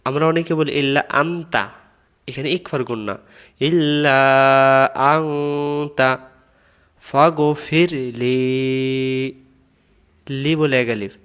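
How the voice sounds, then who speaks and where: A man teaching the correct pronunciation of a prayer, reciting words slowly and breaking them into syllables. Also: fairly high pitch, fairly bright tone. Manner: slow, drawn-out recitation of Arabic words, repeated syllable by syllable; patient, instructive explanation. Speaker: religious teacher.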